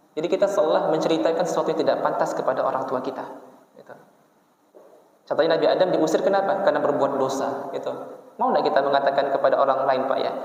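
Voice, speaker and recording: Guy giving a mosque sermon, storytelling style, really echoey hall, mic far off and muffled. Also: a little high. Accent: Indonesian. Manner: storytelling, addresses listeners as "Pak". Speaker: preacher.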